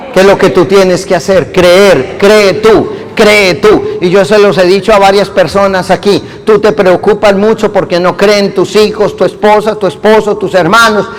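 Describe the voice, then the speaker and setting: High-voiced priest preaching in a hall. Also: male voice, normal speed. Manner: lively, acts out lines with playful humor. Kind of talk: sermon. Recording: long hall reverb.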